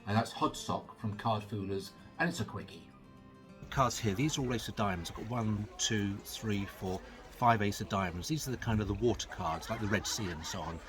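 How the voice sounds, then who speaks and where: Low-voiced middle-aged man doing card-trick patter. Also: normal speed, music in the background. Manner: chatty, explaining as he handles cards. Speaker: card magician. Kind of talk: casual magic trick patter.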